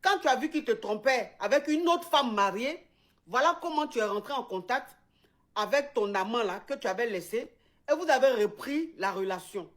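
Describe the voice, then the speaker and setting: A woman's voice: a little high, expressive, normal speed, fairly bright tone. A woman, hosting and retelling a viewer's story in casual chat, addressing the listener directly and repeating phrases for emphasis.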